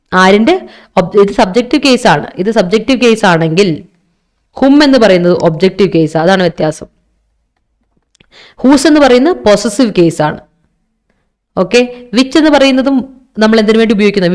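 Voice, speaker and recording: A teacher giving an online exam-prep lesson, explaining step by step with many quick self-corrections and frequent checks of "okay". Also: medium pitch. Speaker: English teacher for exam preparation. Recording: online class recording.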